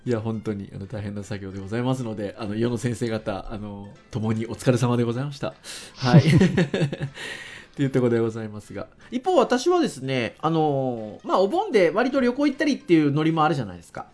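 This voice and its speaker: A man's voice: mid-range voice, big pitch swings, fairly quick, a little mellow. A man in his early fifties co-hosting a podcast chat in very formal, ultra-polite Japanese. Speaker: podcast co-host.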